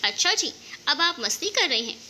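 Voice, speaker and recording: Woman doing a teasing young man, storybook reading, bright tone, faint background noise. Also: high-pitched, very animated, normal speed, exaggerated voice. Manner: playful, teasing.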